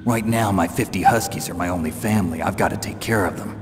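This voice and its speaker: An actor playing a gruff, weary, sardonic retired agent, speaking tersely in a video game mission briefing. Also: male voice, low voice, fast, close to an everyday voice. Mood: reluctant, defiant. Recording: long reverb, music behind. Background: music.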